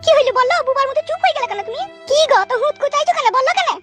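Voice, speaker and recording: A woman's voice: extremely high pitch, racing, soft background music, pitched above the performer's own voice. A woman voicing a young village wife who impatiently prods her husband. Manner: impatient, prodding.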